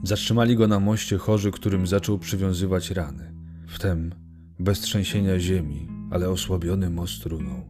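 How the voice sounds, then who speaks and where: A man narrating a literary story in a measured, solemn reading. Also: sits low, fairly even intonation. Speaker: audiobook narrator. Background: guitar music.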